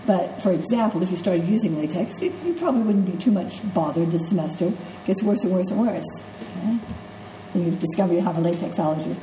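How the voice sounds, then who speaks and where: Lowish and dark-toned, this congested middle-aged woman talks fast and animatedly through a chatty nursing lecture, dropping in "okay?" and "right?" to check on her students. A little hiss or hum sits under the recording, made in an echoey classroom with faint ambience.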